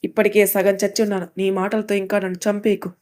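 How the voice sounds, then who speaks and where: A woman's voice: mid-range voice, flat delivery, fast, a little mellow, close to an everyday voice. A woman voicing an angry, bitter young man who snaps resentfully. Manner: snapping, resentful.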